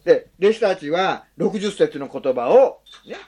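A man's voice: fairly high pitch, lively intonation, a little slow, warm tone, husky. A man preaching a sermon as pastor, chatty and folksy, often asking the congregation questions and adding little tags.

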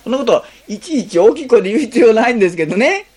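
A male pastor preaching a sermon in an easy, talkative way. His pitch leaps up and drops down constantly, and he keeps checking in with the congregation with a little "ne". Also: very fast, husky. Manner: conversational, frequent tag "ne", lively swings in pitch.

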